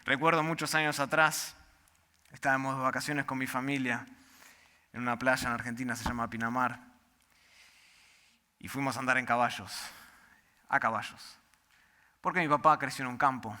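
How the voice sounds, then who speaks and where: A man's voice: medium pitch, fairly even intonation, moderate pace, pauses often, pushed and bright, long reverb tail. A man preaching an expository sermon as pastor, emphatic and mixing in personal stories. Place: church sanctuary.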